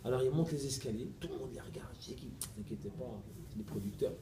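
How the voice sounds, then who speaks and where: A middle-aged man preaching in a mosque, telling a story in a lively, playful way and acting out the dialogue. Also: medium pitch, fast talker, background noise. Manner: animated, playful, laughs often, acts out dialogue. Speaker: preacher giving a lecture. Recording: echoey room recording with faint ambience.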